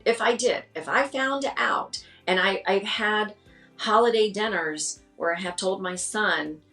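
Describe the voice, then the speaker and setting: A woman's voice: a little slow, faint music behind. Middle-aged woman telling stories, roomy echo. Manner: animated, acts out quotes with rising pitch. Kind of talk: candid interview storytelling.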